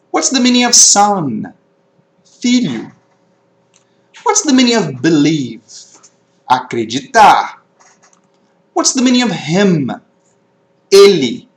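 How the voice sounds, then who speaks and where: Male English teacher, animated delivery, drills words for repetition, echoey room. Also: fairly high pitch. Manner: drills words aloud, slips English terms into Portuguese. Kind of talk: online class, teaching vocabulary. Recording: roomy echo.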